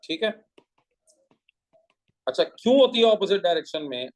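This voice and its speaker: A man's voice: high voice, very animated, moderate pace, low-quality recording. A male teacher giving a classroom physics lecture, explaining patiently, asking rhetorical questions and mixing Hindi with English terms.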